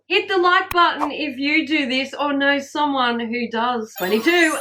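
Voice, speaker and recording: An Australian woman in her forties reads out a countdown of everyday embarrassments with blunt, sweary candour. Her voice sits high and sounds bright and forceful. She drops in dry, wry asides between the numbers. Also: poor audio. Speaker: vlogger. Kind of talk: listing funny confessions to camera.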